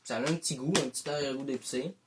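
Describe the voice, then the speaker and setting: A man's voice: mid-range voice, steady tone, racing, noisy background. A man with a Québécois French accent chatting casually as he tastes snacks, munching chips while he talks. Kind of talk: casual chat, food tasting.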